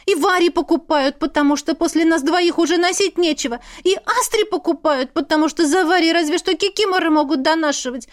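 Woman doing a high whiny teenage sister. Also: expressive, moderate pace, dry recording, clean studio sound. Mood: aggrieved. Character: sulky, pushy teenage younger sister.

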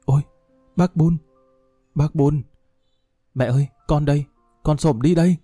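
A man's voice: medium pitch, brisk, mellow, no room sound, soft background music, lightly acted. A man voicing a remorseful middle-aged prisoner who pleads and stammers, in an audiobook drama reading. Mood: sobbing.

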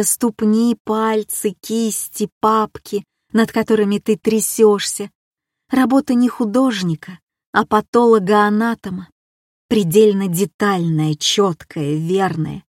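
A woman's voice: medium pitch, darkish tone, no echo, studio quality, close to an everyday voice. A woman reading an audiobook and voicing a weary, bitter woman who reproaches her lover with probing questions. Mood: accusing.

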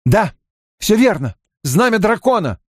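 A man's voice: a little high, animated, normal speed, a little mellow, no echo, voice pushed up. A troubled, hot-tempered young man, voiced by a male narrator, his speech rising and falling a lot. The recording is close and dry. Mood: furious.

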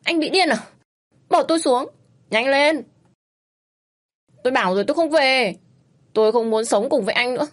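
A woman voicing a fiery, stubborn young woman who speaks in high, shrill outbursts and pleads loudly. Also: fast talker, lightly acted. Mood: furious.

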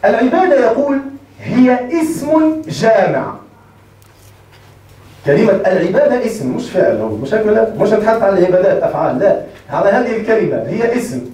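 A man with a Tunisian Arabic accent gives a brisk classroom lecture on creed and keeps asking whether his students follow. His voice sits high and moves fast. It is recorded from across a very echoey room. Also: dark tone. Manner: checks understanding often with rhetorical questions. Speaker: Islamic creed teacher. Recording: echoey room, mic far off.

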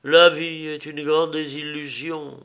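Man reading as a weary, sighing young gentleman. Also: fairly high pitch, level tone, takes it slowly, dull audio.

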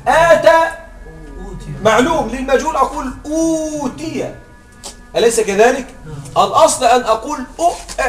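Man, very high voice, grammar teacher drilling examples and quizzing the class, echoey room, faint music behind. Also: far from the mic. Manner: drills examples, constantly checks understanding with questions. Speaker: Arabic morphology teacher.

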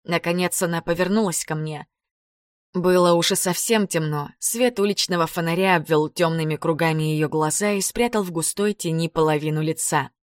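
Brief: female audiobook narrator, lowish voice, calm and steady, dry close recording. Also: normal speed, no room sound. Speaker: audiobook reader. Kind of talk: scripted narration.

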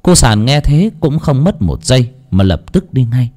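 A man narrating a scripted village horror tale in a slow, dramatic way. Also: mid-range voice, big pitch swings, mellow.

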